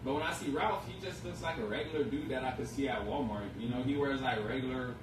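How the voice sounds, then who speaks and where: A man's voice: mid-range voice, quick pace. A young man from Haiti, a shop owner being interviewed, talking in an earnest, rambling way full of fillers. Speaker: guest, clothing shop owner. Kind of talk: casual interview chat. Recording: echoey room, distant mic, noisy.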